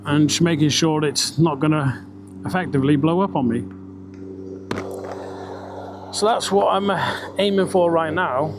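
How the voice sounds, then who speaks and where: A man's voice: a little high, unhurried, pauses often. A British man chatting casually and rambling, with some swearing, his voice enclosed inside a motorbike helmet as he rides outdoors. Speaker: vlogger. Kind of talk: casual ride-along motorbike vlog chat. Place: outdoors, riding a motorbike on country roads. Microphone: microphone inside a helmet. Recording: engine and wind noise, helmet mic. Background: motorbike engine and road noise.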